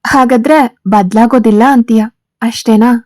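A woman's voice: on the high side, fairly even intonation, normal speed, a little mellow, dry recording, close to an everyday voice. A woman voicing an angry, tearful young wife who speaks reproachfully, in a spoken story.

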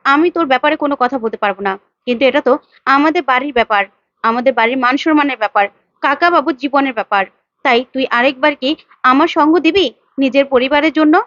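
A woman's voice: high voice, quick pace, a bit bright, no echo, dull audio. A woman voicing a determined young woman who speaks firmly and insistently. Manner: firm, insistent. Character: determined young woman heroine protecting her family.

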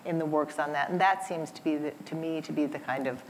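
Low gravelly woman on a conference panel, halting, repeats herself a lot. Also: fairly even intonation, a little hiss or hum, rough recording. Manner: halting, many repetitions and fillers. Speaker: panelist, labor scholar. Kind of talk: panel discussion. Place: conference event room.

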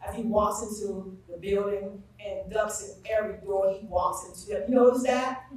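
At a school ceremony, a woman from South Carolina on the staff delivers an emphatic tribute, building momentum through repeated phrases. Her voice is medium-pitched and steady at a moderate pace. It's picked up from a distance in an echoey gathering space with a live audience.

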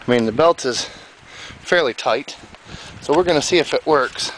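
At a moderate pace, a man with a mid-range, fairly bright voice offers off-the-cuff, folksy remarks on his mechanical project. He talks outdoors in an overgrown yard into a handheld camera whose mic gives a hissy, low-quality recording.

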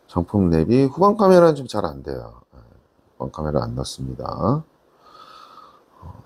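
A middle-aged man giving casual, unscripted used car salesman patter, repeating his selling points in a husky, gravelly voice. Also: low-pitched, warm tone. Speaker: used car dealer presenting a car.

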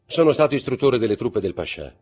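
A stiff, guarded middle-aged general, as a male reader puts him on, formal and a little tense in his phrasing. The voice sounds husky and lively in pitch. Faint music sits behind the storybook reading. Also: fast talker.

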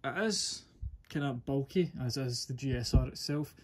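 Male gear reviewer, medium pitch, informal and rambling hands-on presentation. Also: normal speed, background noise. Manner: informal, rambling, self-correcting. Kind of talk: casual hands-on product review.

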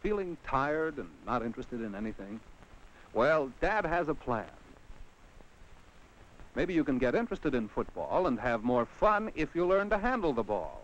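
An American man with a mid-range, sing-song voice delivers scripted narration at a normal speed, styled like a 1950s educational film. He speaks directly to the child on screen, posing rhetorical questions. The soundtrack sounds dull and vintage, like a 1950 film.

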